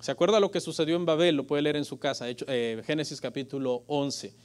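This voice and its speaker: Pastor, man, middle-aged, fairly high voice, lively church sermon. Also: fairly quick. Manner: lively preaching, addressing listeners as "hermano"; jokes with the congregation.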